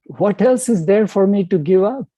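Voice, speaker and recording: A man's voice: sits high, expressive, normal speed, mellow, dry recording, voice pushed up. A man voicing a former king turned forest hermit, growing exasperated as he insists he has given everything up. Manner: storyteller quoting, rising in exasperation.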